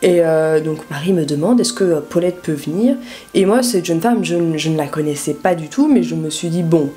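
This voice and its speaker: Young woman doing a storytime, slangy and chatty, kinda low voice, bit of music under it. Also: a little fast, mellow. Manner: informal, slangy, addresses the viewer directly. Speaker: vlogger telling a personal story.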